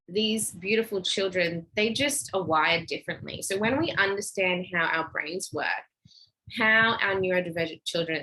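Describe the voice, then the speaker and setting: A woman's voice: lowish voice, sharp tone, rough recording. A middle-aged woman giving a casual teaching talk on parenting, chatting freely and acting out little dialogues in a lifted voice. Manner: conversational, acts out quoted dialogue in a lifted voice. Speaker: parenting and emotional intelligence speaker.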